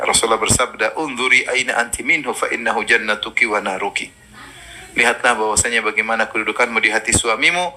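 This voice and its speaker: A man's voice: lowish voice, slight background noise. A man giving a religious lecture, telling stories with energy and reciting Arabic verses. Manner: lively storytelling, quoting Arabic verses. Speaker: preacher.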